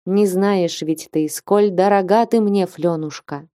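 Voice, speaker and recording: A woman reading an audiobook and voicing an elderly abbess who speaks in a slow, grave, measured way. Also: on the low side, warm tone, dry recording, clean studio sound, lightly acted. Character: stern but loving elderly abbess.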